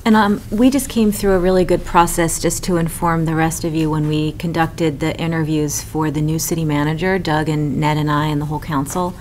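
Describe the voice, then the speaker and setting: A woman with a low, even voice speaks at a committee meeting and lays out procedure step by step. She is picked up by table mics in a conference room with a faint hum behind her. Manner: measured, explains procedure step by step. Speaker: city council member on a committee.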